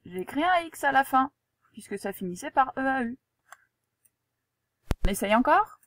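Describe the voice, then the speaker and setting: A woman's voice: high-pitched, sing-song, normal speed, a bit bright, no room sound. A woman teacher giving a spelling lesson and dictation to a young pupil, articulating carefully, spelling out letters and asking the pupil patient questions.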